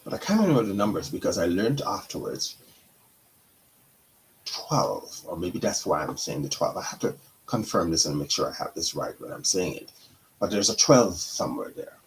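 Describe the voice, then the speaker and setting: A middle-aged counselor from Guyana hosts a talk show, delivering a slow, deliberate monologue with pauses and self-corrections. His deep voice is very animated, though the audio is poor.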